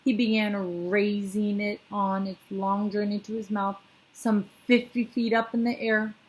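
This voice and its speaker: A woman reading a children's book aloud in a steady voice, with small slips and self-corrections. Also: mid-range voice, unhurried, low-quality recording. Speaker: storyteller.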